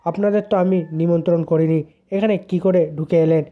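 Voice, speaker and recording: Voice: medium pitch, steady tone, brisk, lo-fi sound, natural voice. A narrator reading the lines of a stern, reproachful middle-aged father of the bride. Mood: indignant. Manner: indignant, reproachful.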